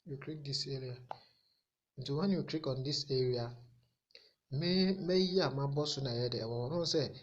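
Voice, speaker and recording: A Ghanaian man whose native language is Akan gives an informal step-by-step tech tutorial, switching between two languages. He speaks with a Ghanaian accent in a mid-range voice, halting and repetitive, and the sound is lo-fi.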